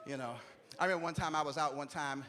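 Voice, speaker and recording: A stand-up comedian in his 40s performs a routine of conversational stories, often leaning on "you know what I'm saying." His voice is a little high and sharp, steady in tone, and he talks fast.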